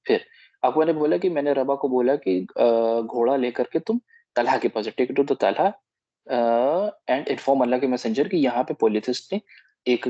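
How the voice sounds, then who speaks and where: A man explaining a history book to a study group in casual Hindi mixed with English phrases, halting often to search for words. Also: mid-range voice, mellow, no echo, muffled recording. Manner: halting, mixes English phrases, many fillers. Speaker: study circle presenter.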